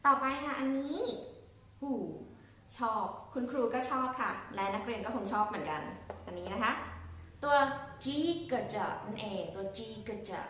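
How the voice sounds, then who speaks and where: A woman's voice: on the high side, expressive, sharp tone. A woman with a Thai accent teaching young children English phonics, spelling each word out letter by letter. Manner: slow, spells words letter by letter. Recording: echoey room, far from mic, faint hiss.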